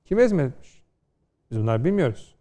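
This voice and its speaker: A middle-aged law scholar from Konya, Turkey, speaks on a studio panel in a fairly high, sing-song, mellow voice at a brisk pace. He lectures and tells stories, peppering them with rhetorical questions.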